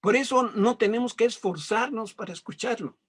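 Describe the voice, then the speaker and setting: A male pastor, preaching a sermon in a conversational way with gentle humor. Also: sits high, moderate pace, breathy edge.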